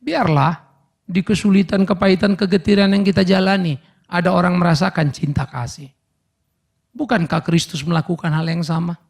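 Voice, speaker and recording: A middle-aged male pastor preaching a sermon in a church service, animated and acting out everyday dialogues. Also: sits high, normal speed, creaky.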